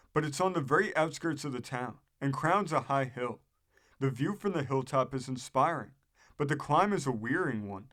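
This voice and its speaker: A man's voice: mid-range voice, a bit bright. A man reading an old newspaper story aloud as scripted narration, as the host of a history program.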